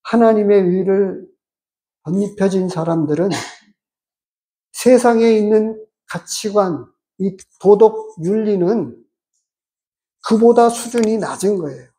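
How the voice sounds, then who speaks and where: A pastor giving a measured, explanatory sermon and asking the congregation rhetorical questions. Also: mid-range voice, dark tone.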